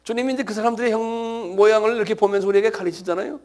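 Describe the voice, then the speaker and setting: A middle-aged man preaching a sermon as pastor, animated, breaking into sudden cries and calling out to his congregation for a response. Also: high-pitched, very fast.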